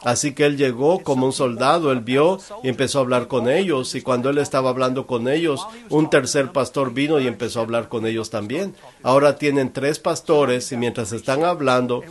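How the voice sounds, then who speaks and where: A man's voice: medium pitch, a little fast, few pauses. Man preaching a translated sermon. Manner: earnest preaching delivery with repeated questions. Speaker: church interpreter.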